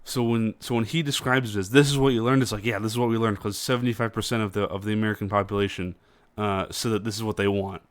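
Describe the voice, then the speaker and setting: A man hosting casual political commentary, talking in a halting way with many fillers and restarts. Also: fairly low pitch, steady tone, dry recording.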